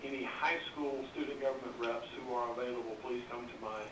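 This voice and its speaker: A man making a polite, formal announcement over a school intercom loudspeaker. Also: mid-range voice, fairly even intonation, brisk. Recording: distant, noisy intercom speaker.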